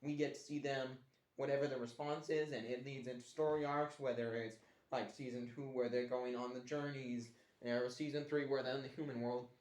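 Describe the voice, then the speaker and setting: A man's voice: medium pitch, fairly even intonation, normal speed, a little mellow. A man casually reviewing a cartoon show in a put-on Australian accent, rambling and restarting his sentences. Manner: rambling with restarts, mock-complaining. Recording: echoey room.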